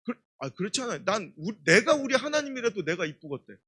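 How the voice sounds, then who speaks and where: A middle-aged man preaching a revival sermon, telling stories in an emphatic, animated way. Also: sits high, quick pace, husky. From Chungcheong, Korea. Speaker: guest pastor.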